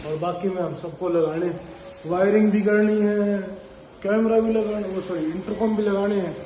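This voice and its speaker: A higher-pitched man with a warm tone vlogs over clearly noisy location sound, including traffic, at work sites where he installs CCTV. His intonation is fairly even and his speed normal. He talks to viewers in an informal, chatty way, explaining as he works.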